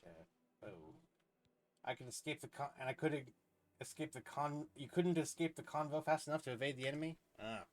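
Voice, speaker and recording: Animated man chatting over gameplay. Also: on the high side, normal speed. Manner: chatty, thinks aloud, trails off mid-sentence. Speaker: streamer. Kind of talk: casual gameplay commentary.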